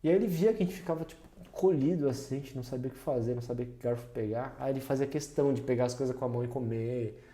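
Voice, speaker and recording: Man talking in a warm, roomy podcast room. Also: mid-range voice, rapid-fire. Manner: reflective storytelling, laughs often at himself. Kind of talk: casual podcast conversation. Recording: roomy echo.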